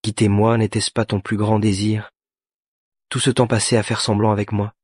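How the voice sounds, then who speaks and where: A husky, cold young CEO. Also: male voice, on the low side, flat delivery, normal speed, a little mellow, dry recording. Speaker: dub actor. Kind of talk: dubbed drama.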